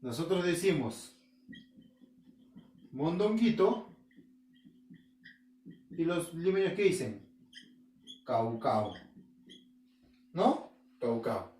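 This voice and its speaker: A Peruvian language teacher with an Arequipa accent records a home-learning class in a high-pitched, slightly mellow voice with lively intonation, an unhurried pace, and long pauses. He answers questions he poses himself, repeats key terms, and checks in with listeners, his voice distant and echoing around the room.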